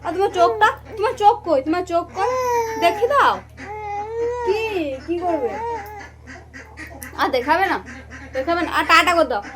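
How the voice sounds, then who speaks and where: High sing-song woman coaxing a baby. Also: lively intonation, normal speed, pauses often, crowd noise. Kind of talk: baby talk to an infant.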